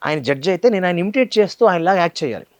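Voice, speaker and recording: A man in his thirties speaks as an interview guest, racing through memories at a brisk clip. His voice sits a little high and sounds dry and close. He mixes English phrases into his speech and acts out the lines he quotes. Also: expressive, dry recording. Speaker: actor guest recalling childhood films. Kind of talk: casual interview storytelling.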